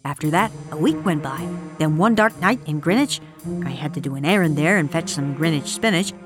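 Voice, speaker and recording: A woman reading a rhyming children's story aloud, shifting from hushed lines to shrieking ones. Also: deep voice, animated, fairly quick. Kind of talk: dramatic storybook read-aloud. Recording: music playing behind the voice.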